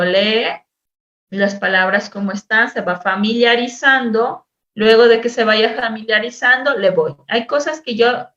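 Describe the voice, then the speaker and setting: A woman teacher-therapist giving a lecture on spelling intervention, explaining patiently, repeating words and drawing out sounds slowly as examples. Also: fairly high pitch, a bit bright. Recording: echoey room, dull lo-fi sound.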